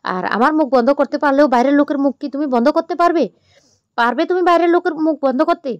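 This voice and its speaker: A woman voicing a scheming, sharp-tongued sister-in-law who talks in an accusing, insistent way. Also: high voice, racing, dry recording, muffled recording, pitched above the performer's own voice, close to an everyday voice. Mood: defiant.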